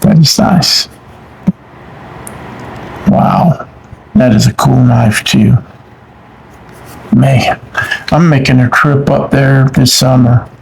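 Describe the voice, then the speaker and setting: Slow, gravelly man unboxing. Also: mid-range voice, fairly even intonation, slight background noise, poor audio. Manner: warm-hearted, easily delighted, exclaims often. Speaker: channel host unboxing mail. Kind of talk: casual unboxing chat.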